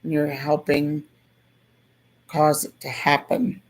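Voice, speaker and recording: A hoarse presenter with a gravelly, rough voice talks through a civics topic at an unhurried pace. The delivery stays flat and even, going back over each point in a casual, thoughtful way. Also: medium pitch, poor audio. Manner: slow, thoughtful, repeats points. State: hoarse, losing voice.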